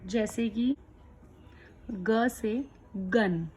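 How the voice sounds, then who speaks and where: A woman teaching young children letter sounds, explaining each one slowly and clearly. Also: mid-range voice, darkish tone, faint music behind. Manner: slow, clear, patient explaining. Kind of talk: kids' phonics lesson.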